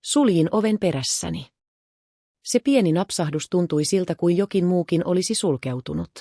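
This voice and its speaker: A woman reads a first-person story as a narrator, calm and measured. Her voice sits low and mellow. The recording is close and dry, with no room sound. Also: dry recording.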